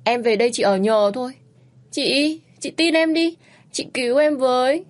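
A woman voicing a fiery, stubborn young woman who speaks in high, shrill outbursts and pleads loudly. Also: normal speed, natural voice. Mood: pleading.

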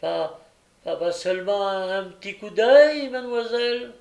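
Brief: narrator putting on a boastful old butler, loud and excited, pitched up high, slow and drawn out. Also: male voice. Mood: eager. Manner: loud, excited, self-important. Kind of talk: audiobook reading.

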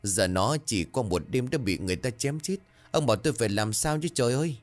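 A man's voice: medium pitch, quick pace, close to an everyday voice. A man voicing an older village wife who wails and scolds over her losses in a ghost story. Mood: wailing anger. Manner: wailing, scolding. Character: shrill grasping old village wife.

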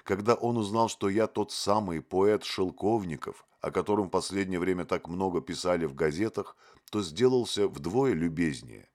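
A man voicing a naive, fawning young male poet who talks in a gushing, drawn-out way. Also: deep voice, darkish tone, lightly acted. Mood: eager.

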